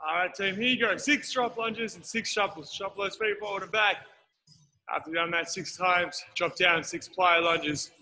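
A man's voice: high-pitched, moderate pace, sharp tone. A man coaching a live workout, encouraging the group and counting down the time. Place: large gym studio.

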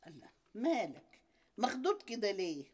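A woman's voice: medium pitch, big pitch swings, normal speed. An older woman with an Egyptian accent playing a suspicious, demanding mother-in-law who keeps asking questions in a TV drama. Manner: prying, complaining, insistent questions. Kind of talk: TV series acting.

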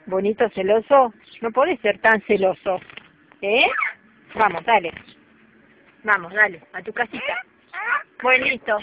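A woman's voice: mid-range voice, sing-song, a little slow, pauses often. Argentine woman cooing baby talk. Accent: Argentine Spanish. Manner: doting baby talk, scolding gently. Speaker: bird rescuer. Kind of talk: casual talk to a pet bird. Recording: muffled home video with background noise.

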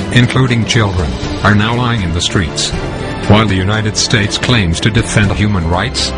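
A man with a digitally disguised voice delivering a scripted activist declaration in a flat, measured, solemn way. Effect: voice disguised, digitally lowered. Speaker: anonymous activist spokesman. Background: music.

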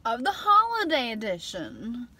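A woman's voice: fairly high pitch, wildly swooping pitch, unhurried, bright, forceful tone. A young American woman hosting a casual car vlog, playful and giggly as she chats with her friend. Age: young adult. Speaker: vlog host. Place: parked car. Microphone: phone camera on dashboard. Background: car and outdoor ambience.

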